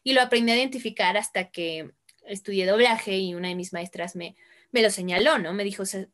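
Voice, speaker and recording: A woman's voice: mid-range voice, a little fast, a bit bright. A woman speaking candidly as a panelist in a discussion, laughing now and then. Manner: candid, laughs while telling anecdotes.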